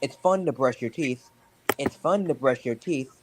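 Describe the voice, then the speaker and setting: A streamer voicing an upbeat male robot from a children's show, chanting slowly into a phone. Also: mid-range voice, expressive, a crowd in the background, close to an everyday voice.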